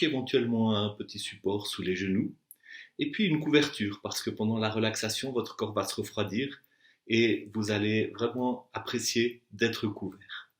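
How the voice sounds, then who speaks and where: This fairly low-voiced man, a yoga nidra and meditation teacher, takes listeners through a guided relaxation. Each instruction is slow and deliberate, followed by a long pause, and the recording has a clearly echoey room sound.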